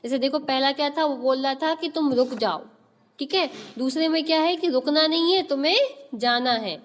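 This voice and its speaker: A woman's voice: sits high, normal speed, long reverb tail. A woman teacher, teaching an online class and quizzing children with repeated questions as she explains. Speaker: school teacher.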